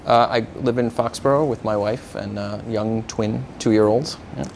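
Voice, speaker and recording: Gravelly man answering with many fillers. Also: fairly low pitch, fairly even intonation, a little mellow, slight background noise. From New York area. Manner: halting, many uh fillers, agreeable. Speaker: physical therapist, guest. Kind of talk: interview answers.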